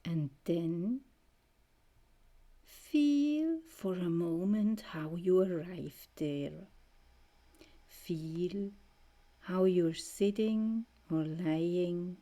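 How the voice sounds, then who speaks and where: A woman guiding a trance meditation in a soothing, mesmerizing way, with short gentle phrases and a soft, breathy voice that often nears a whisper. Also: on the low side, drawn-out words, long pauses. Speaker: guided meditation narrator.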